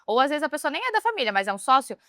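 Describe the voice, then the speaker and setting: Expressive bright-voiced woman co-host. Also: sits high, very fast, no room sound, clean studio sound. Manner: animated, expressive storyteller. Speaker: podcast co-host. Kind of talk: casual chat.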